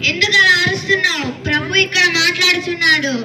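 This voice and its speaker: A woman's voice: very high voice, steady tone, quick pace. A woman playing an earnest disciple. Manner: earnest, scolding. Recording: distant mic, music behind.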